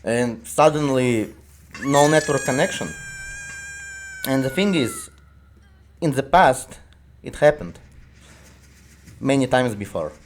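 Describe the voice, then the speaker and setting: A man speaking English with a strong Russian accent, his native tongue coming through clearly. He narrates over his gameplay in a hesitant, halting manner, often stopping and restarting his sentences. His voice sits at an ordinary middle pitch for a man. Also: animated, a little hiss or hum. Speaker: gaming video creator. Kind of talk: casual commentary over gameplay.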